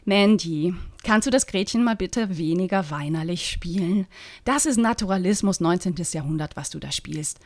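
A woman's voice: lowish voice, moderate pace. A woman playing a dry, commanding theatre director. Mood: impatient.

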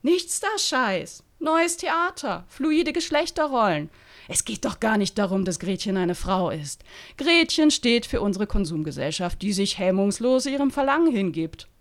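A woman's voice: medium pitch, animated, moderate pace, close to an everyday voice. A woman voicing a vain, provocative male actor who talks boastfully and theatrically. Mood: lecturing. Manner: boastful, theatrical, pushing his own ideas.

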